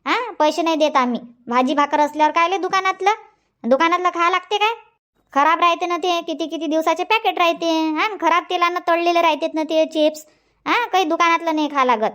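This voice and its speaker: A nagging old village grandmother from a cartoon comedy, voiced by an actor, with an extremely high, squeaky voice and a Vidarbha Marathi accent. She fires the same question again and again, chiding and coaxing. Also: brisk, bright, forceful tone. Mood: scolding. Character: fussy nagging village grandmother, scolds and coaxes.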